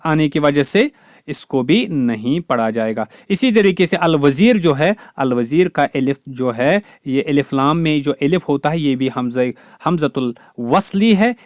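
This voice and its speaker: Slow, careful man teaching a lesson. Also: fairly high pitch, expressive, no echo, studio quality. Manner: slow, careful explaining, repeats each word with its meaning. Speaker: Arabic teacher. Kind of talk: recorded lesson explaining grammar.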